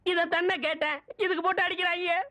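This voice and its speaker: An actor playing a naive, simple-minded young village lad who whines out silly questions in a film comedy. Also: male voice, extremely high pitch, little pitch movement, fast, bright, forceful tone. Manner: whiny, innocent questioning. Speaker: film character.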